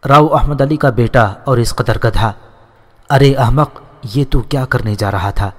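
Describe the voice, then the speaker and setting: A stern, hot-tempered old landlord barking insults and orders at his son, as a male narrator puts him on. The voice sits at an ordinary middle pitch for a man. It trails off into a long, ringing reverb. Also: natural voice. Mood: angry scolding. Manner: scolding, insulting, commanding.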